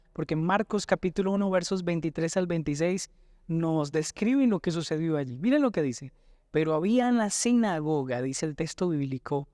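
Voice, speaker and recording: Colombian male pastor, high voice, affirming co-host, dry studio sound. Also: mellow, no echo. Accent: Colombian Spanish. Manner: affirming, asks questions, reads scripture. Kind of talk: Bible lesson discussion.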